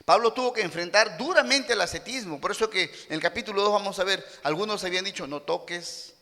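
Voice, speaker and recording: A high, bright male voice with a gravelly edge, preaching with lively, swooping delivery. He acts out quoted people as he goes and punches his points hard. The sound carries a long church-hall reverb. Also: fast. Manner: punchy boxing-style exclamations. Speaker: pastor. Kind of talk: sermon. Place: church sanctuary.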